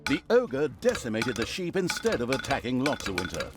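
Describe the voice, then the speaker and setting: A man's voice: mid-range voice, huge pitch swings, moderate pace, music in the background. A man playing the wry storybook narrator of a comic fantasy game, droll and theatrical in his scripted delivery. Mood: wry storytelling. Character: wry storybook male narrator mocking an evil army.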